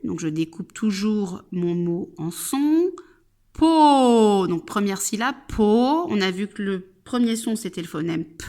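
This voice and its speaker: A woman's voice: mid-range voice, expressive, moderate pace, hardly any pauses, a little mellow. A woman teaching children to spell, patiently sounding out each syllable and reassuring them.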